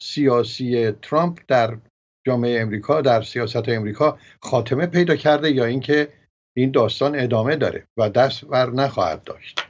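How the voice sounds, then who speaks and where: A man hosting an interview, asking long winding questions with frequent pauses. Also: medium pitch. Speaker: host. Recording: dull lo-fi sound.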